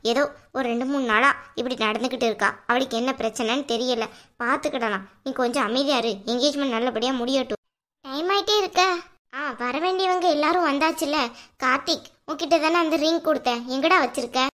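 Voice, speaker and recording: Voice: sits high, a little fast, fairly bright tone. A performer voicing a middle-aged cartoon mother who bosses everyone around at her son's engagement. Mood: worried. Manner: scolding, bossy. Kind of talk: cartoon voice acting.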